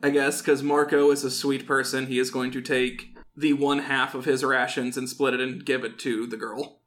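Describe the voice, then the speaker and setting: A man playing a tabletop game, speaking calmly and deliberately as his character. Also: mid-range voice. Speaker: player. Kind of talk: tabletop play.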